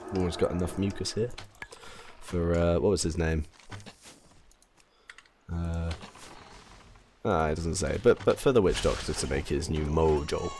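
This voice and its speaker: A man's voice: sits low, measured pace, long pauses, a little mellow, a little hiss or hum. A man with an English accent giving casual, rambling commentary while playing a video game, often correcting himself. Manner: rambling, self-correcting, chatty. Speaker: let's play commentator.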